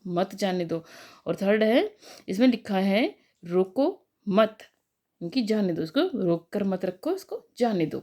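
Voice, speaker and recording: A young woman teaching a grammar lesson, explaining patiently with fillers and slowing down on examples. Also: mid-range voice, dark tone. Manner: patient, repeats "ठीक है" and "अ" fillers, slows on examples.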